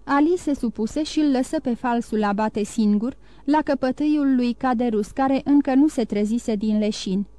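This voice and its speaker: A woman narrating a classic novel as an audiobook reader, in a steady, even reading. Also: fairly high pitch, no echo. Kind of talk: scripted narration.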